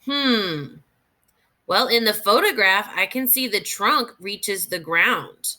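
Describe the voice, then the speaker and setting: Reading a nonfiction book for kids, a woman teacher speaks at medium pitch, slowly and expressively, with pauses where she thinks out loud for young learners.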